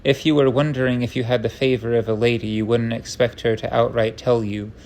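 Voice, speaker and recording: A man's voice: medium pitch, level tone, fairly quick, a little mellow, slight background noise. A man rambling through an unscripted, tangent-prone rant, stopping and restarting himself, with wry self-deprecating humor.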